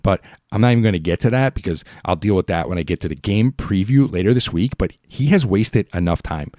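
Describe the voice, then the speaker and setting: A man's voice: lowish voice, lively intonation, a little fast, mellow, no echo, clean studio sound. A man hosting a fan sports podcast, ranting in a heated, exasperated, pleading way. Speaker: podcast host.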